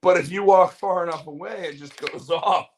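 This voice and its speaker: A man's voice: sits high, normal speed, a little hiss or hum. A man co-hosting a casual wrestling and TV recap podcast, laughing and building his points as he goes. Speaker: podcast co-host. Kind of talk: casual chat.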